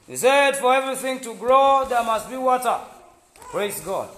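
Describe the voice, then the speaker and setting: A man's voice: extremely high pitch, expressive, normal speed, a bit bright. A man preaching a sermon, stressing points with call-and-response and frequent "praise God". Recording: echoey room, some noise.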